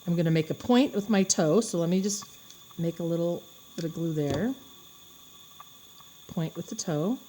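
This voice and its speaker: A woman's voice: lowish voice, normal speed, long pauses, warm tone. A woman giving a step-by-step craft demonstration, chatting and thinking aloud as she works with her hands. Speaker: craft instructor.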